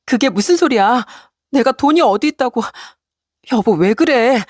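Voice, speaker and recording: A woman putting on a frantic shrill wife. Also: animated, normal speed, a little mellow, dry recording, clean studio sound. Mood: panicked. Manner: shrill, pleading, stammering. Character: frantic pleading wife, middle-aged woman. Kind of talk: storybook radio narration.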